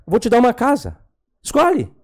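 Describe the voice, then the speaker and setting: A man's voice: very high voice, huge pitch swings, normal speed, voice pushed up, heavily acted. A man imitating a generous male church pastor who eagerly urges a young man to accept a gift. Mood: insistent. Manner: pushy, urging.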